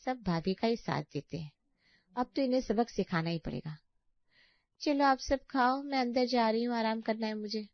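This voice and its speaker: A spiteful, scheming young sister-in-law, voiced by a woman in a cartoon story, slightly high with a gravelly edge. She accuses and whines, recorded dry and close with a dull tone. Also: moderate pace, no echo, close to an everyday voice. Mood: scornful. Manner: accusing, whiny. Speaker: voice actor.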